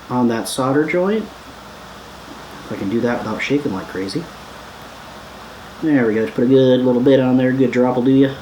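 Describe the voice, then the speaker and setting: His mid-range voice is a little mellow as he runs a hands-on DIY electronics tutorial in an easygoing, informal way, poking a little fun at himself. Echo and some background noise fill the room.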